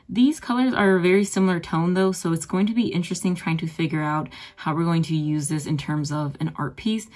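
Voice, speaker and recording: Groggy, low-voiced young woman chatting casually. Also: darkish tone. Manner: chatty, rambling, self-deprecating. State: groggy morning voice. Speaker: art vlogger. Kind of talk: casual narration while drawing.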